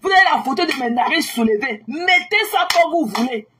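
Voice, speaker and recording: A woman ranting angrily on her own livestream, taunting viewers with repeated mocking questions and bursts of shouting. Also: sits high, animated, fairly quick. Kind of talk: angry livestream rant at viewers.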